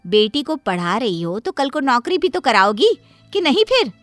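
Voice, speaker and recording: A woman's voice: a little high, sing-song, moderate pace, a bit bright, no room sound, soft background music. A woman voicing a preachy busybody neighbor lady. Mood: lecturing. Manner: meddling, lecturing. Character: nosy middle-aged neighbor woman, preachy. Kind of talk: cartoon voice acting.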